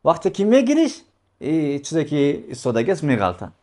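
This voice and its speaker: A man's voice: fairly high pitch, wildly swooping pitch, darkish tone. A man teaching a religious lesson, explaining step by step, repeating key phrases and answering his own questions.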